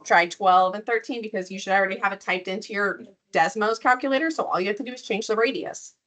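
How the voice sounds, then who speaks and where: A woman's voice: medium pitch, fast talker, fairly bright tone. A woman math teacher who is losing her voice from illness, walking a classroom through problems step by step and quizzing students as she goes. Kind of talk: classroom lesson.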